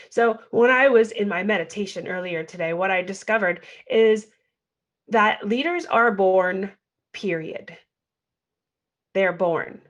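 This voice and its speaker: Woman giving an earnest motivational monologue. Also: medium pitch. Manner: earnest, exhorting, rhetorical questions. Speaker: podcast host.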